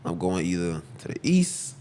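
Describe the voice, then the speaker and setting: A man's voice: deep voice, sing-song, dark tone, a little hiss or hum. A young man, chatting casually and loosely about his barbering work. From Texas. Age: 20s. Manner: slangy, loose, talks in quick bursts with repeats. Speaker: podcast guest, barber. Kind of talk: casual chat.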